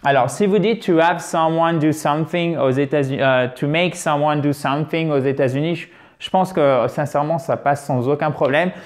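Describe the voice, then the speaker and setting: A man's voice: fairly high pitch, normal speed, hardly any pauses. Chatty French-speaking man teaching English. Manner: lively and chatty, jokes at his own expense. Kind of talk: video English lesson.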